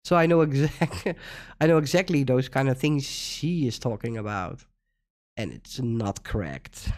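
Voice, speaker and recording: A Dutch woman talks through a reaction video in a relaxed, unhurried way. Her pitch swings widely as she laughs and fires off disbelieving questions. The delivery stays casual and conversational. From Netherlands. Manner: animated, laughs often, incredulous rhetorical questions. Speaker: reaction channel host.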